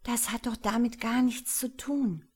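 A woman reading an audiobook, voicing an anxious, tearful young wife in a raised, breathy whisper. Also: on the high side, fairly even intonation, a little slow, pitched above the performer's own voice. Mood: urgent.

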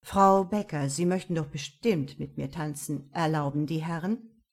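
A woman voicing a self-assured, flirtatious male prosecutor in a storybook reading, with a low, coaxing delivery. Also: moderate pace, darkish tone.

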